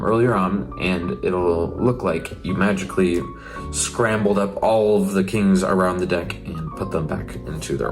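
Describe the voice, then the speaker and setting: A man presenting a magic tutorial, explaining step by step in an informal, repetitive instructing way. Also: sits low. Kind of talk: casual step-by-step tutorial narration. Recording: music playing behind the voice.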